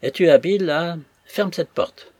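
A man putting on a scornful, domineering master from a storybook, mocking and threatening, suddenly louder on his warnings. The voice is husky over a dry, close sound. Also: a little high, a little slow, no room sound, voice pushed up. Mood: menacing, mocking. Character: sly menacing male master, scornful and domineering.

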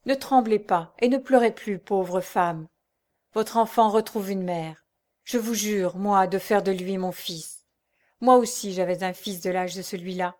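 Woman as a tender, grieving, kindly lady; soft delivery. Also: medium pitch, measured pace, close to an everyday voice. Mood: solemn. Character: kind grieving lady, the priest's sister.

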